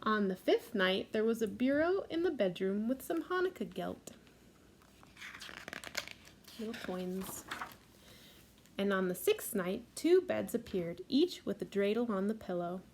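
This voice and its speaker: A woman with a mid-range, sing-song voice reads a picture book aloud at library storytime, slipping in gentle remarks about the pictures. She keeps a measured pace, pauses often, and has some vocal fry.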